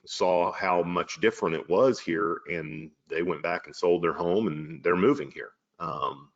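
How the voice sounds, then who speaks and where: A man's voice: sits low, a little slow, muffled recording. A man hosting a casual chat, talking in an affirming, rambling way with many fillers.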